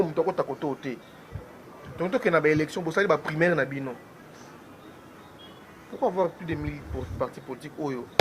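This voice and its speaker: A man giving political commentary as a guest on a talk show, talking in an animated way and switching between French and Lingala. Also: fairly high pitch, slight background noise, poor audio.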